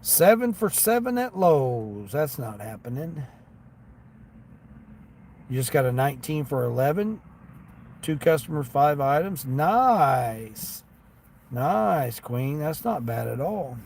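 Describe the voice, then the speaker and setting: This gig delivery driver talks to his livestream viewers from a parked vehicle, folksy and rambling, with steady vehicle and ambient noise behind him. His speech is slow and gravelly, pitched on the high side, with frequent pauses and a slightly Southern American accent.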